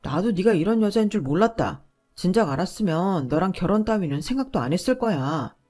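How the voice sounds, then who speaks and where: A woman's voice: lowish voice, expressive, brisk, warm tone, soft background music. A woman voicing a selfish, dismissive husband who argues back defensively.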